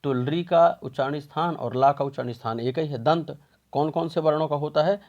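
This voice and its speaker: A man's voice: a little high, a little fast, darkish tone, muffled recording. A man teaching a Sanskrit grammar lesson step by step, patiently asking questions and answering them himself.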